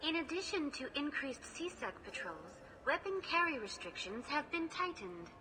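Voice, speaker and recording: A woman's voice: sits high, sing-song, normal speed, bright, forceful tone, a little hiss or hum, full character voice. A woman voicing a polite female AI information hologram who speaks in formal, scripted phrases. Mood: courteous.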